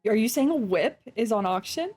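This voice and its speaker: A woman's voice: on the high side, lively intonation, brisk, a little mellow, husky. A young woman playing her character in a tabletop game, playful and teasing. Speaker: player.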